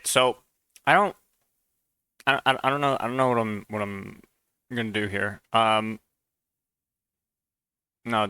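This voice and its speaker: A man's voice: lowish voice, bright, forceful tone, clean tone, dry recording. A man streaming live while he codes, rambling and stammering through casual chat and often saying "dude". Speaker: streamer and mod developer.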